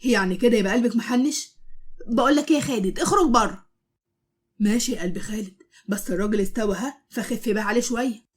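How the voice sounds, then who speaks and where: This is a joking, protective young brother with an Egyptian accent, as a woman reads him in a cartoon story. He ribs his friend and bosses him around in a quick, slightly high voice. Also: lightly acted. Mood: teasing. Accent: Egyptian Arabic. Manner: joking, bossy banter. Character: young man, teasing protective older brother.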